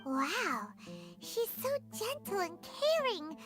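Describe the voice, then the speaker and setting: Paimon, a squeaky floating sidekick. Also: female voice, sing-song, slow, full character voice. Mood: cheerful. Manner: talks about herself in third person, whiny and exclamatory. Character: small floating girlish companion, excitable and chatty. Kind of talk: video game dialogue. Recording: loud game music behind. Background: game score.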